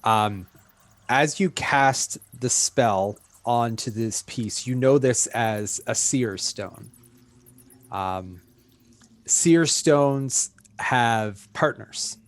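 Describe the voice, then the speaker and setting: A man narrating as game master, unhurried and full of fillers. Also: mid-range voice, dry recording.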